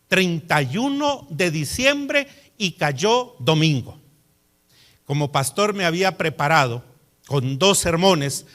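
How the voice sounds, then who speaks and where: A man delivers a sermon as a pastor, his voice pitched high and bright. He tells stories in an animated way and stresses his points with emphasis.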